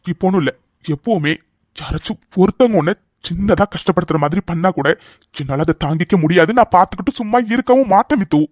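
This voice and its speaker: A man voicing a protective young man who is deeply in love and speaks in an insistent, pleading way in a cartoon dub. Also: lively intonation, quick pace, no room sound, clean studio sound.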